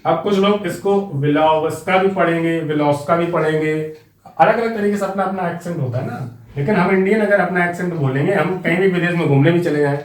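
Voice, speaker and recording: A man with an Indian accent teaches an exam-prep class in a slightly fast, rather high voice, drilling key facts repetitively and speaking directly to his students. The sound is reverberant.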